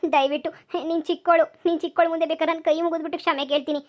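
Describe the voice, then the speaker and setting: Woman voicing a remorseful elderly cartoon mother-in-law, brisk high voice. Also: level tone. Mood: pleading. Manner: pleading, self-reproaching. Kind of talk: cartoon voice acting.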